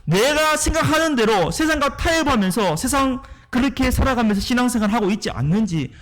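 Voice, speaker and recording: Animated, high-voiced pastor preaching. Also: male voice, fairly quick. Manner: emphatic, rhetorical questions to the congregation. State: tired, worn out from preaching often. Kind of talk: sermon. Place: church sanctuary.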